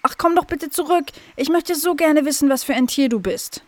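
A woman's voice: high-pitched, moderate pace, darkish tone, no echo, voice pushed up, lightly acted. A woman voicing a curious, friendly young female dog who talks eagerly in a children's story. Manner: eager, pleading.

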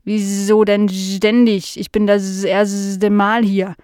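A woman voicing a forgetful, slow-witted male house fly who draws out his words, in a children's audio story. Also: medium pitch, level tone, darkish tone, dry recording, studio quality, natural voice. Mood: puzzled. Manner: very slow, drawn-out, puzzled.

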